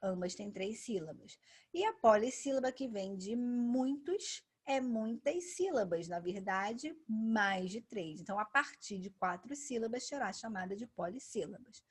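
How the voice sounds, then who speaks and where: A woman teacher giving a patient grammar lesson, saying example words slowly and twice. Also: a little high, animated, slightly rough. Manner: patient, says each example word twice.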